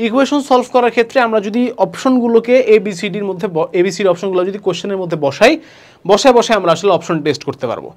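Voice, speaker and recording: A man's voice: high-pitched, rapid-fire. A young man with a Bangladeshi Bengali accent teaching an exam-prep lesson, mixing in English words and checking in with rhetorical questions. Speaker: admission test tutor. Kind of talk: video lesson on exam tips.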